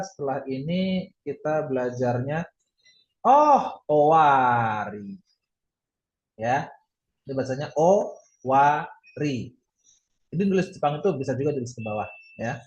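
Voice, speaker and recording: A man's voice: mid-range voice, a little mellow. Male teacher, patient lecturing style, roomy muffled class audio. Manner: patient, repeats points with frequent "ya". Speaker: Japanese language teacher.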